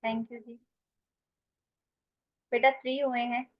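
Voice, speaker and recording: This online grammar lesson comes from a woman whose voice is a little high, slow, and level in tone, with the highs cut off. She has an Indian English accent, switches between Hindi and English, and refers to her students as "beta."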